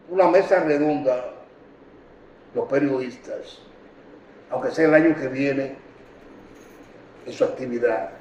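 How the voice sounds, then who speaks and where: A man with a Dominican Spanish accent giving an emotional public talk to journalists, telling stories in quick, impassioned bursts. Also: on the high side, a little hiss or hum. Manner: impassioned, storytelling, rapid bursts. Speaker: speaker addressing journalists. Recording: echoey room from far off, dull sound.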